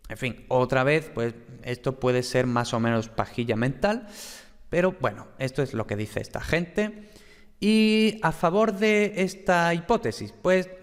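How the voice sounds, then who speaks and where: A man giving a relaxed, chatty lecture on Latin, full of fillers and little tag questions. He slows down to spell out syllables in his examples. His mid-range voice rings with a long reverb. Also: mid-range voice. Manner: sounds out syllables slowly for examples. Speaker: Latin teacher. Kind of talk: casual spoken lecture.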